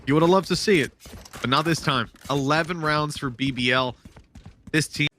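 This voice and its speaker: A man doing excited play-by-play as an esports caster, moving from measured calls up to shouts. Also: on the high side, a little hiss or hum. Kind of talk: excited live esports commentary.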